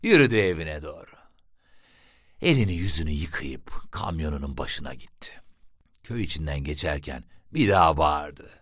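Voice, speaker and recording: A man narrating a story in a lively, expressive way with sudden rises in his voice. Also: very deep voice, moderate pace, husky, dry recording, studio quality.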